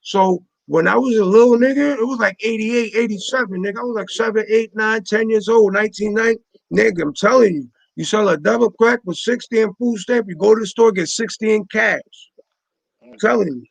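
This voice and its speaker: Gravelly high-pitched man in his forties. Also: fairly quick, dry recording. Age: 40s. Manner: emphatic, repeats phrases, street slang. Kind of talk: casual political panel chat.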